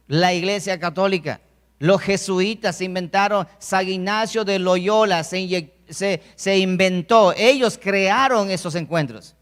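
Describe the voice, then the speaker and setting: A man's voice: sits high, a bit bright, in a large hall. A male pastor preaching a sermon, pressing his point with rhetorical questions and repeated phrases.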